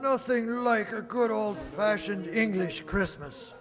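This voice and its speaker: Guy doing a hearty gent doctor in a radio play, high slow voice, echoey hall. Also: animated, a crowd in the background. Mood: jovial. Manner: hearty, old-fashioned English gent talk. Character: jovial, gentlemanly doctor and detective's companion. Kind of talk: amateur radio play acting.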